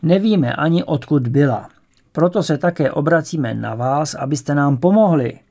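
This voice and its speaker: A man's voice: on the high side, lively intonation, darkish tone. A man doing a nervous, ceremonious police sergeant. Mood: earnest. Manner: ceremonious, earnest warning. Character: nervous but formal male police sergeant.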